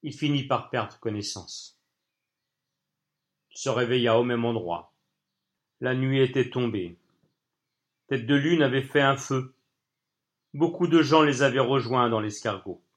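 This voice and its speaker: A man narrating an audiobook in an even, measured reading voice. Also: mid-range voice.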